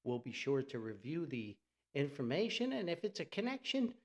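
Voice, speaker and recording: This New Jersey podcast host speaks at a normal pace in a fairly high, darkish voice whose pitch swings widely. Alone on the mic, the American man talks in a folksy, theatrical, chatty way, punching points with exclamations and repeated words, and he also does sponsor reads.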